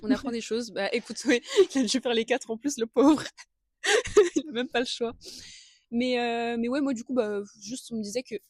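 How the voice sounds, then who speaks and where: A woman's voice: fairly high pitch, expressive, normal speed, a little mellow, dry recording. A woman in her early twenties co-hosting a podcast, telling personal stories in a slangy, rambling, giggly way. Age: early 20s. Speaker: podcast co-host. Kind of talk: casual chat, personal storytelling.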